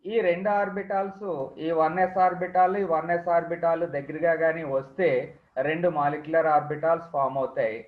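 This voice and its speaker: A man's voice: on the high side, steady tone, brisk. Echoey Telugu-English classroom lecture from a man. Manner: explanatory, repeats key terms and phrases. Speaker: chemistry teacher. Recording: echoey room, thin phone-like sound.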